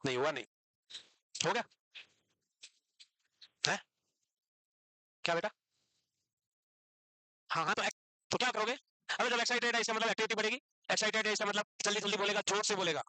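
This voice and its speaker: A man teaching psychiatry to a class, brisk and scolding, calling his students "beta" and mixing English medical terms into his Hindi. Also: high-pitched, pushed and bright, no echo. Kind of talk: classroom lecture.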